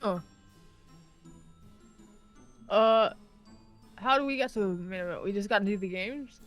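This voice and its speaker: Slow-talking woman player. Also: mid-range voice, soft background music. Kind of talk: casual tabletop game chat.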